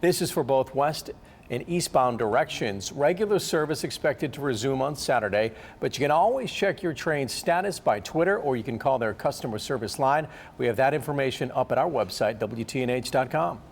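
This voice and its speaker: A man anchoring the evening news, reading scripted items in a crisp, upbeat way. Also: mid-range voice, expressive, brisk. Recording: reverberant studio.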